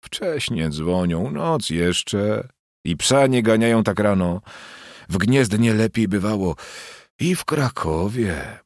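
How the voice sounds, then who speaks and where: A man reading an audiobook, voicing a sulky middle-aged village priest who grumbles slowly and sullenly. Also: deep voice, very animated, a little mellow, dry recording, studio quality. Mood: grumbling.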